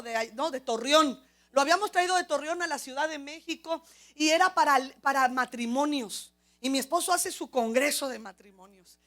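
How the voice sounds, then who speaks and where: A middle-aged woman pastor with a Mexican accent, preaching a sermon with animated, humorous storytelling that rises toward near shouts. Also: extremely high pitch.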